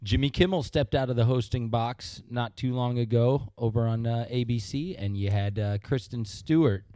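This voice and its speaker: A man's voice: medium pitch, moderate pace, mellow, no room sound. A man, a guest co-host, bantering casually on a podcast, rambling and laughing often.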